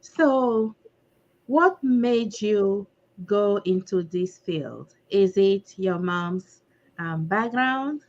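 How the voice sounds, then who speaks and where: A woman hosting an interview show, asking questions in an encouraging, deliberate way. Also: mid-range voice, expressive, darkish tone, lo-fi sound. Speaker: host. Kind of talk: podcast interview.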